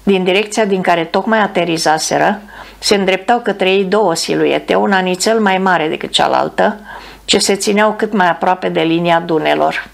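A woman narrating an audiobook in a calm, measured reading. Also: fairly low pitch, vocal fry.

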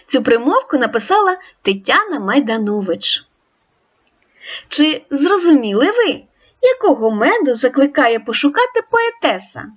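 A woman teacher giving a recorded reading lesson to young children, with clear, encouraging instructions. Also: high voice, big pitch swings, measured pace, muffled recording. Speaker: primary school teacher.

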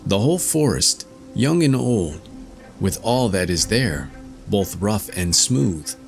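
A man's voice: on the low side, sing-song, slow, gravelly, faint music behind, voice pushed up, exaggerated voice. A man voicing a boastful but timid little male tailor, talking in a raised, strained, whimpering way.

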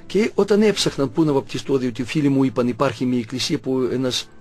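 A man in his sixties with a Russian accent, an Orthodox archimandrite recounting a personal testimony, halting and searching for words with frequent self-corrections. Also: mid-range voice, darkish tone, soft background music. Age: 60s.

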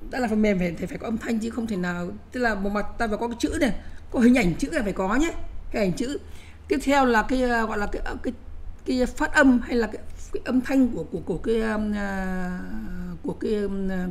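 A middle-aged woman giving a spoken lecture to teachers, emphatic and repetitive, often checking that listeners follow. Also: a little high. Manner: emphatic, repeats words, frequent "nhé" asides.

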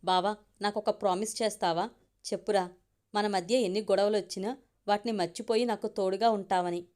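A woman's voice: mid-range voice, fairly even intonation, a little fast, a little mellow, natural voice. A woman reading the part of a loving young wife who speaks in a pleading, affectionate way.

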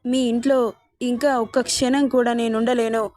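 A woman's voice: fairly high pitch, flat delivery, normal speed, a little mellow, no echo, faint music behind, natural voice. A woman voicing a young woman betrayed by her sister and brother-in-law, speaking in a pleading, outraged way. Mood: distressed.

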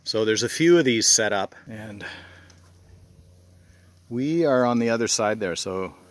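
A middle-aged man films his own hike on a wooded island with a handheld camera, narrating casually in a fairly low voice with lively intonation and an unhurried pace. The recording is dry, and he's enthusiastic, exclaiming over the scenery and laughing often.

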